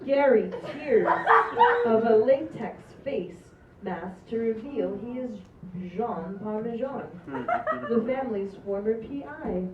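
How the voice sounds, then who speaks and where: At a group table read, a woman reads the script's stage directions aloud in a plain, amused manner, her voice fairly high and her pace slow. Crowd noise fills the room, and the recording sounds roomy, distant and dull, with background noise.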